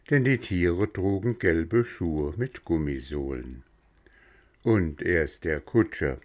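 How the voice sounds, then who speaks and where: A man slowly reading a children's storybook aloud, addressing young listeners. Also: sits low. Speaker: narrator.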